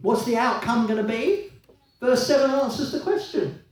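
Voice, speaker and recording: A man preaching a sermon in a church, conversational and lively, with many rhetorical questions to the congregation. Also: extremely high pitch, normal speed. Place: church hall. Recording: echoey hall, voice from a distance.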